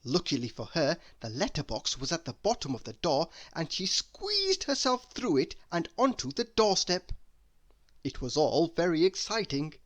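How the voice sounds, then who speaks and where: In a mid-range voice, a narrator reads a children's tale aloud, taking a deliberate, expressive storytelling approach as a storybook reader.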